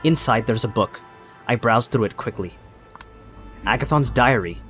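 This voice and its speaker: A man's voice: medium pitch, moderate pace, a bit bright. Male game player narrating text aloud, mid-range voice, light background music. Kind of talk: dramatic reading of game narration.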